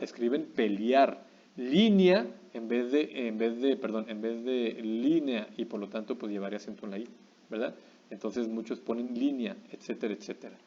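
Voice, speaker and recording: A man giving a recorded writing lesson, using many fillers and tag questions and slowing down to spell out examples. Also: mid-range voice, darkish tone, slightly rough. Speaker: teacher. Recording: dull lo-fi recording.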